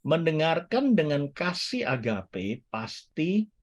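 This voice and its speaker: This guest preacher has a slightly high voice and moves at a slow pace while staying very animated. He keeps the teaching sermon casual and chatty, cracking jokes and mixing in English, for a church service or online meeting.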